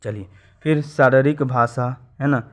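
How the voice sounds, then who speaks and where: Man teaching a lecture with frequent "right?" checks. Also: medium pitch. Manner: explanatory, repeats "है ना" and "ठीक है" often; halting, restarts words. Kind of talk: exam-prep lecture.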